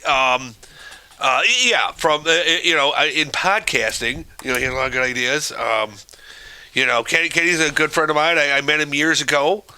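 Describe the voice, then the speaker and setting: An older man co-hosting a casual podcast chat, telling rambling stories with halting restarts. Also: a little high, steady tone, clear, resonant tone, dry recording. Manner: halting, many restarts, shouts out acted chants in stories. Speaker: podcast co-host.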